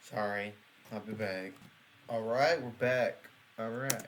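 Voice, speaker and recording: A man's voice: on the low side, slow pace, noisy background. A man hosting a reaction video, chatting casually and loosely with many fillers. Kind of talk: casual chat.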